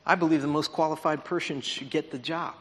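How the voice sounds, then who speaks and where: A brisk man whose voice is on the high side and steady in tone preaches a sermon lesson. His style is conversational and explanatory, with regular check-ins with the audience, and the large auditorium adds long reverb.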